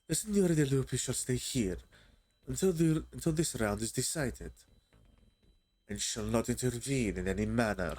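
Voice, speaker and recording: A man's voice: medium pitch, a little mellow, lightly acted. A man voicing a solemn, commanding male wolf elder who makes grave, formal pronouncements, reading game dialogue aloud.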